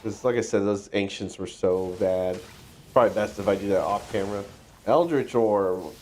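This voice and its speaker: A man's voice: on the low side, moderate pace, darkish tone, a little hiss or hum. A congested man with a stuffy nose, chatting casually to himself and swearing offhandedly while streaming a game. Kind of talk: casual gameplay livestream commentary.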